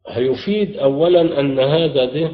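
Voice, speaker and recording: A man with an Egyptian accent giving a grammar lecture, explaining slowly and often quizzing his students with questions. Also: mid-range voice. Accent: Egyptian Arabic. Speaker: teacher. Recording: dull lo-fi audio with long reverb.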